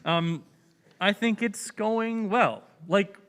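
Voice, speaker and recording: A man's voice: sits high, takes it slowly, fairly bright tone. A man playing a sweet, awkward roommate in a casual live play reading. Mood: hesitant, sincere. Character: sweet, awkward, soft-hearted male roommate. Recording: long hall-like reverb.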